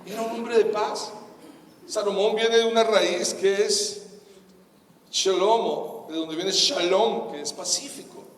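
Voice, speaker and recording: A man's voice: high voice, slow pace. A male pastor preaching a sermon, telling stories with acted-out dialogue and humorous asides. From Colombia. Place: large church auditorium. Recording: echoey church hall, voice from a distance.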